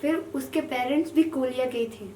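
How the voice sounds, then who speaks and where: A young woman with a high voice tells childhood stories in a lively, chatty way, laughing often. She sounds a little distant from the mic, in an echoey room with faint background noise. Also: moderate pace. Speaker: podcast guest. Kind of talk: casual storytelling.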